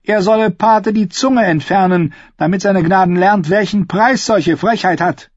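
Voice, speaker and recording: A man's voice: high-pitched, normal speed, dry recording, muffled recording, pitched above the performer's own voice. A man voicing a cold, scornful middle-aged queen mother in an audiobook reading, speaking in an imperious, contemptuous manner. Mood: coldly commanding.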